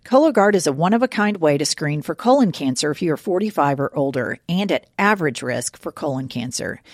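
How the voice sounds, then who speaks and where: A woman's voice: low-pitched, no room sound, clean studio sound. A woman delivering scripted advertising narration as a sponsor reader.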